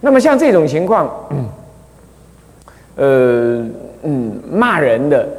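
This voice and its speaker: A man, a Buddhist abbot teaching a class on the precepts, talking in a chatty way with many drawn-out "ah" fillers and small chuckles. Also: fairly high pitch, big pitch swings, darkish tone. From Taiwan. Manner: chatty, full of drawn-out "ah" fillers, chuckles at his own anecdotes. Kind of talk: dharma lecture explaining a scripture. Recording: long hall reverb.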